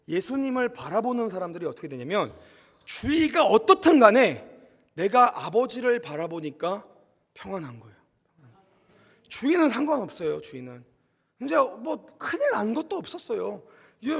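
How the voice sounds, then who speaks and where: Lively high-voiced man preaching. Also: gravelly, slightly rough, long reverb tail. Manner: animated storyteller, addresses the congregation directly. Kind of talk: sermon with personal storytelling. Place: church sanctuary.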